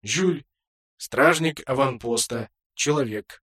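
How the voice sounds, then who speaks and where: A man's voice: mid-range voice, slow, a bit bright, husky, no echo, clean studio sound. A man voicing a tall male outpost guard who speaks in a plain, matter-of-fact way. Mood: gruff. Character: tall grown male outpost guard, suspicious but friendly.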